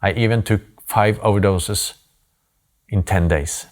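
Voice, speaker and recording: Pausing for emphasis, a man in his forties from Norway shares a personal story in an earnest, deliberate way. His voice sits on the low side and carries a Norwegian accent.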